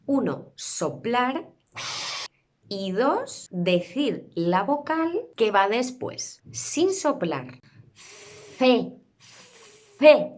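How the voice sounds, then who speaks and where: A woman with a Spain Spanish accent, teaching pronunciation by modeling sounds slowly and carefully. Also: fairly high pitch, big pitch swings. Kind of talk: pronunciation lesson.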